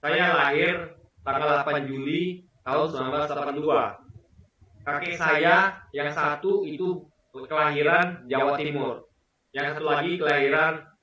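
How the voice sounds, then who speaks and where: A man's voice: fairly high pitch, sharp tone, very echoey, far from the mic, rough recording. A man in his forties from Indonesia, talking earnestly to camera in a casual vlog, stressing and repeating his points. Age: 40s. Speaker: vlogger. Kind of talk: casual spoken commentary to camera.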